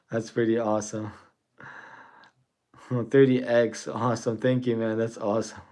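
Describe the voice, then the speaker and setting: A man's voice: mid-range voice, darkish tone. A man in his forties, born in Russia and raised in the US, chatting casually on a trading livestream, rambling and thanking viewers with frequent chuckles. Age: 40s.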